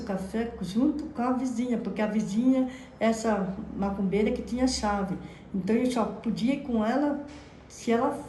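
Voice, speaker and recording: Brazilian woman, 30s, fervent church testimony, higher voice, mellow tone, phone in an echoey room with faint noise. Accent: Brazilian Portuguese. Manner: fervent, frequent praise exclamations. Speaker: church member giving testimony. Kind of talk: religious testimony.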